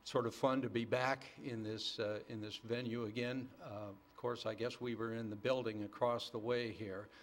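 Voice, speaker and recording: Older-ish american guy presenting at a town meeting, average pitch, measured, stops and starts, friendly. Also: little pitch movement. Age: middle-aged or older. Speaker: corporate development manager, petitioner. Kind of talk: presentation to a public board.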